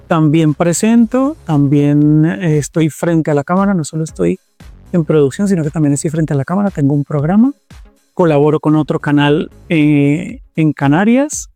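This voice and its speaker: A Colombian TV producer answers interview questions in a relaxed, thoughtful manner, repeating words as he searches for the right ones. His voice is fairly high, and there's no echo.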